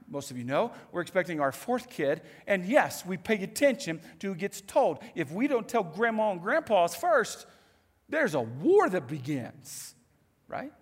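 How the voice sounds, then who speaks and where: A man preaching a sermon as pastor, animated and moving between hushed lines and emphatic ones. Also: sits high. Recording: echoey hall.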